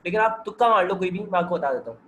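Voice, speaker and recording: A hoarse man, working through chemistry multiple-choice questions with a student on a video call and checking that the student follows. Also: sits high, lively intonation, rapid-fire, a bit bright, slight background noise, poor audio. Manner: explains step by step and keeps checking that the student understands. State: hoarse, with a sore throat and cold. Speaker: chemistry teacher. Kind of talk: MCQ-solving lecture over video call.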